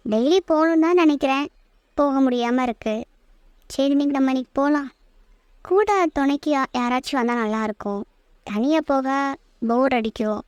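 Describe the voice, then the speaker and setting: A young cartoon woman who muses to herself in an easy, relaxed way, as a woman puts her on. Her voice is lower than the others but still high. The sound is dry. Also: smooth, dry recording, lo-fi sound, close to an everyday voice. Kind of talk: cartoon voice acting.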